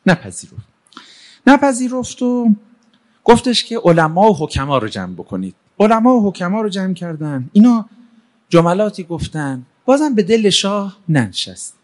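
Man telling a folk tale, lively voice. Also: sits high. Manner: conversational, lively retelling with fillers. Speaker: storyteller. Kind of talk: casual oral storytelling.

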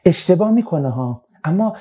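A man giving a moral lecture to a young audience, telling stories with lively emphasis and quiet asides. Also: husky. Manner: animated storytelling, voice rising high for emphasis, drops low for asides.

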